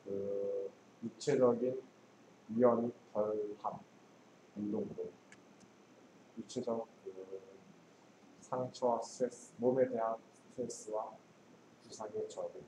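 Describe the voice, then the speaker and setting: A male student translating English sentences aloud, halting with pauses and restarts. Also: on the low side, steady tone. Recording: echoey room with clear background noise.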